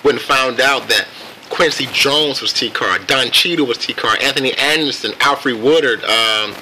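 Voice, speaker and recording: An American man casually telling a personal story on camera in a reflective, laid-back and halting way. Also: medium pitch, pushed and bright, slight background noise, rough recording. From United States. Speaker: vlogger.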